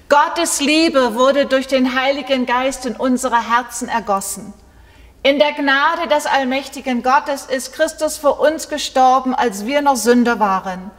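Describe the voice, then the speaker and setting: A middle-aged woman pastor leading liturgical prayers and readings in a slow, measured delivery. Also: high-pitched. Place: small brick-walled chapel, indoors. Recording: long reverb in a chapel.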